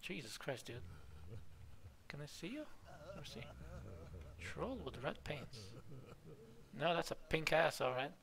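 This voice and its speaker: A man live-streaming a video game, reacting excitedly to chat and swearing often. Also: a little high, unhurried, vocal fry, pauses often.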